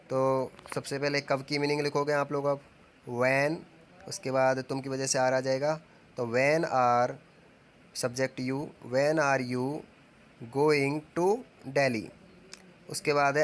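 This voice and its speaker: A man teaching English grammar as a lesson, dictating example sentences slowly and asking questions that he answers himself. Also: mid-range voice, a little hiss or hum. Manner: asks the class questions and answers them himself. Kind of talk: classroom-style grammar lesson.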